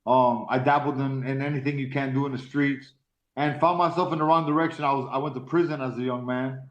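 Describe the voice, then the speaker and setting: Man in his forties, halting and candid. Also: medium pitch, fairly even intonation. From Miami, Florida. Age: 40s. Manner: halting, repeats words, casual profanity. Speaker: guest, professional fighter. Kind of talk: candid interview storytelling. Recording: roomy, dull lo-fi sound.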